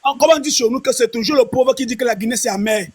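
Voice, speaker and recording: A man's voice: very high-pitched, quick pace, noisy background. A man from Cameroon with a heavy Cameroonian French accent, giving an impassioned speech on a live stream with rallying cries.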